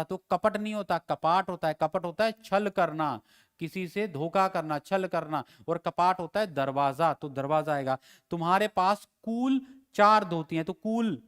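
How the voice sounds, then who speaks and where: A man with a Himachali Hindi accent teaches a grammar class for exam candidates. His voice sits high and rings clean and resonant. He works through example sentences methodically, saying each one slowly before giving the fix. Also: smooth. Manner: repeats each example sentence slowly, then gives the corrected version. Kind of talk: exam-prep grammar lecture.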